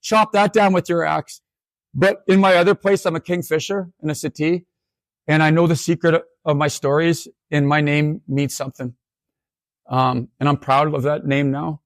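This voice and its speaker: A man from northern Saskatchewan giving a storytelling keynote talk as an educator, animated, with frequent restarts and acted-out dialogue. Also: a little high, moderate pace, no echo, clean studio sound.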